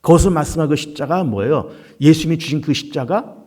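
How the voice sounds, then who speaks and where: A middle-aged man preaching a sermon as pastor, acting out quoted dialogue with lively emphasis. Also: on the high side, fairly quick.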